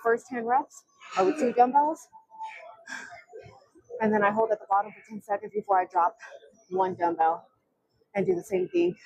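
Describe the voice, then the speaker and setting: A woman's voice: a little high, expressive, moderate pace, pauses often, darkish tone, no room sound, dull audio. Breathless woman counting gym reps. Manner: strained, breathy counting between effort grunts. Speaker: fitness vlogger. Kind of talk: counting reps during a workout.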